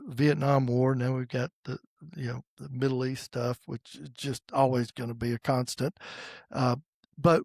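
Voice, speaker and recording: Slow-talking man in his sixties, halting. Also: medium pitch, a little mellow, no echo, clean studio sound. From United States. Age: 60s. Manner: halting, with many fillers and restarts. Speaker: podcast host. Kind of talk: casual faith conversation.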